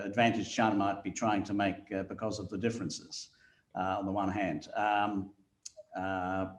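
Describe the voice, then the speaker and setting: A man's voice: lowish voice, roomy sound. A man moderating a webinar, reading out audience questions hesitantly with many filler sounds.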